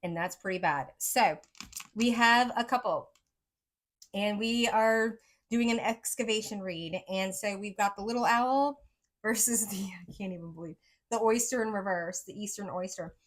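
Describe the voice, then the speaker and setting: A woman's voice: mid-range voice, normal speed. A woman psychic reader talking casually to her viewers, rambling with lots of "like" and "right?", her speech a mix of accents she picked up from many places.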